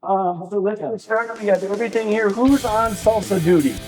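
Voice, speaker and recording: A man's voice: high-pitched, normal speed, music in the background. A man hosting a cooking show and asking his guests upbeat questions. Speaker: host.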